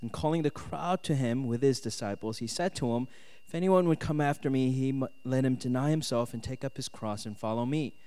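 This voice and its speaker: His sermon blends scripture with testimony, delivered to students in a chatty style full of "right?" and "okay?" checks. The man came to the US from South Korea at ten, and his medium-pitched voice is brisk, dark and clean. The recording rings with the long reverb of an echoey hall.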